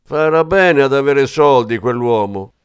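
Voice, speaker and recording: A man reading an audiobook, voicing a nasty old landlady who yells in a shrill, shouting voice. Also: animated, a little slow, smooth, no room sound, clean studio sound, lightly acted. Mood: angry.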